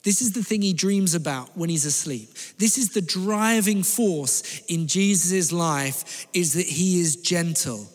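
Earnest preacher in a reverberant church hall. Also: male voice, high voice, a little slow, hardly any pauses. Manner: earnest, repeats phrases for emphasis. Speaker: pastor. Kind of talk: sermon.

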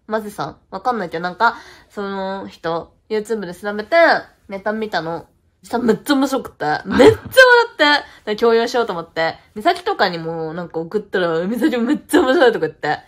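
A woman's voice: mid-range voice, animated, fairly quick, lightly acted. Blunt teasing young ex-clubber, a woman acting. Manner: blunt, teasing, casual slangy talk. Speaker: comedy sketch actor. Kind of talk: comedy sketch dialogue.

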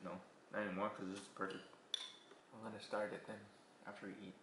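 A man's voice: on the low side, flat delivery, quick pace. A man chatting casually with his partner at home, playful and teasing. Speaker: vlogger's partner. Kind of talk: casual chat. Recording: roomy, distant, noisy home audio.

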